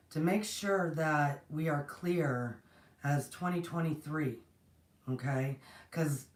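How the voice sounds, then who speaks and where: On her spiritual platform's livestream, a woman with a low-sitting voice talks casually despite a strained, partly gone voice, rambling, restarting often, and warmly greeting viewers. Her far-off voice echoes around the room from a distant, makeshift mic.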